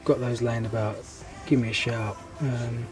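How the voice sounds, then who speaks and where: A scale model hobbyist, congested and losing his voice, offers a rambling update full of ums and false starts. His mid-range voice is flat and unhurried, with music in the background.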